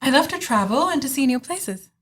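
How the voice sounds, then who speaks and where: A young woman from India speaks in a measured, prepared way for a student podcast. Her voice sits a bit high. She sounds like she is reading what she has written. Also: lively intonation, a bit bright. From West Bengal, India. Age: young adult. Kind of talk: scripted podcast talk.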